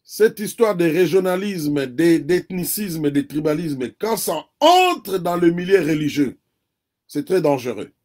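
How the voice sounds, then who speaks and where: He's an interview guest from the Democratic Republic of the Congo, a Kikongo native speaker with a Congolese accent and a notably high voice for a man. His delivery is sing-song, measured in pace, and darkish in tone. Earnest throughout, he lays out his argument point by point, repeating phrases for emphasis.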